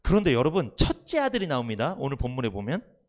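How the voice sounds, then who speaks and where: A man's voice: mid-range voice, wildly swooping pitch, fast talker. A male pastor preaching a Sunday sermon in church, putting questions to the congregation and answering them himself. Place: church sanctuary.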